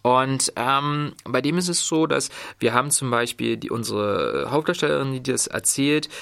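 A man's voice: medium pitch, animated, normal speed, vocal fry, a bit bright. A man casually recapping films he has watched, rambling with many fillers and restarts. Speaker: film reviewer. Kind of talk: casual podcast film talk.

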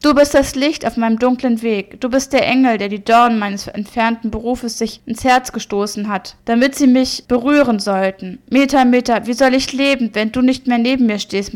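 A woman's voice: a little high, natural voice. A woman reading as a desperate grieving conjurer. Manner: pleading, impassioned. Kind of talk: audiobook reading.

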